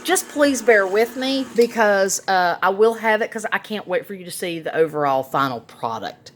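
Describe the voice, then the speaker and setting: With a medium pitch, expressive delivery, and moderate pace, a woman hosts a home cooking vlog, chatting fondly to the camera as she cooks. The recording comes from a phone on her kitchen counter and is noisy with rattling dishes.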